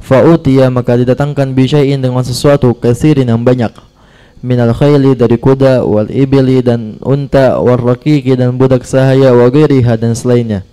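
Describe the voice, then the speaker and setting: A man slowly reading a religious text phrase by phrase and translating each phrase, with some halting restarts. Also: mid-range voice, steady tone, dark tone, smooth, rough recording. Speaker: text reader.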